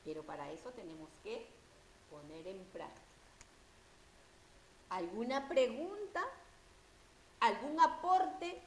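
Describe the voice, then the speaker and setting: A woman teacher lectures in a fairly high voice, explaining step by step and often tagging her points with a rhetorical question. The sound is echoey, with a faint hiss behind it. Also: expressive, slow, long pauses. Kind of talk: university-level lecture.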